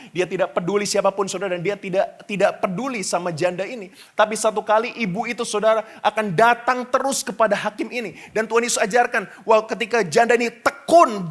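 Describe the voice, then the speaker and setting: Male pastor, middle-aged, high-pitched, lively sermon with frequent asides to the congregation. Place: church stage before a congregation.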